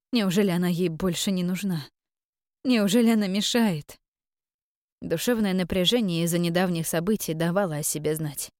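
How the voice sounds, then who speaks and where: A woman reading a story aloud in measured, quiet narration. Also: fairly low pitch, no echo, studio quality. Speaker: audiobook narrator. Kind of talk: scripted narration.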